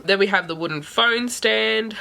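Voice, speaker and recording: A woman with a hoarse voice that is giving out from sickness, chatting casually and thinking aloud as she vlogs an unboxing. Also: mid-range voice, normal speed, bright, forceful tone. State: hoarse, sick-sounding voice that is giving out. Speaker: book vlogger.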